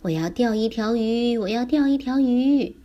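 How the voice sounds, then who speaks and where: A woman voicing an excitable little boy who chants eagerly while he fishes, in a children's story reading. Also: sits high, normal speed, dull audio, voice pushed up.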